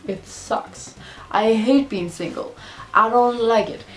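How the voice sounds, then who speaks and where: This rough recording features a woman with a high-leaning voice speaking slowly over faint music. A drunk video blogger and non-native English speaker, she rambles casually and confessionally to the camera, frequently repeating herself.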